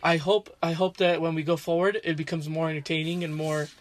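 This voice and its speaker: A man's voice: fairly high pitch, little pitch movement, a little fast, no echo. A young man co-hosting a casual podcast inside a closet, rambling with lots of filler words. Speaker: podcast co-host. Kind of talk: casual chat. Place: inside a small closet at his parents' house.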